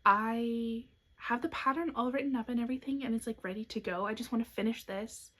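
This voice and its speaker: A woman's voice: a little high, a little fast. A young woman hosting a knitting podcast, showing off her designs in a chatty, upbeat way. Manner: chatty and upbeat, with soft asides. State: has hiccups. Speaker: knitwear designer and podcast host. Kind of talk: casual show-and-tell podcast chat.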